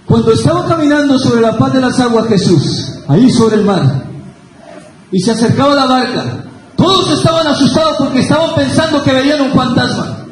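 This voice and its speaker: A man preaching a fervent Pentecostal sermon, breaking into shouted emphases. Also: very high voice, lively intonation, moderate pace. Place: church sanctuary. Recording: very echoey church hall, faint hiss.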